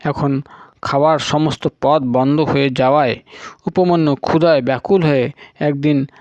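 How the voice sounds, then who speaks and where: A male storyteller giving a scripted narration of a scripture story in a steady, solemn way. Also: on the high side, normal speed, dry recording. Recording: dull lo-fi recording.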